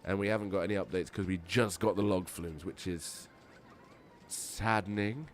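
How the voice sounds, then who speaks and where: Low-pitched man, hoarse throat, playful and chatty gameplay commentator. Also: steady tone, moderate pace, slight background noise. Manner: playful, chatty, jokey asides to viewers. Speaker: let's play gamer.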